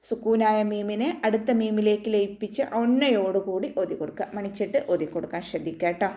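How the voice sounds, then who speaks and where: In an echoey room, a woman teaches the rules of Quran recitation, guiding step by step with patience and offering frequent gentle reminders. She has a medium-pitched voice and speaks fairly quickly.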